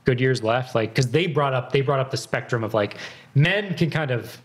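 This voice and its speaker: A man's voice: mid-range voice, lively intonation, moderate pace. A man in his thirties chatting casually, rambling and correcting himself mid-sentence, with frequent swearing. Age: 30s. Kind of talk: casual chat.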